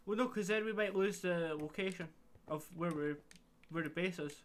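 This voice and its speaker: A man in casual gaming chat, swearing now and then and restarting his phrases in a halting way. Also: high voice, a little hiss or hum. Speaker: gamer playing Minecraft with a friend.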